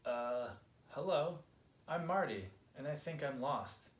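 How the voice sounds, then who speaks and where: A man voicing a young, excitable and mischievous male magpie in a raised, chirpy, childlike voice for a storybook. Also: medium pitch, slow. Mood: worried. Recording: roomy echo.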